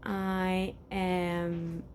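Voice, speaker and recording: A Brazilian woman in her forties, whose first language is Portuguese, rambles hesitantly in English with many restarts in a casual personal vlog at home. Her lowish, darkish voice is flat and very slow, with a little hiss or hum behind it.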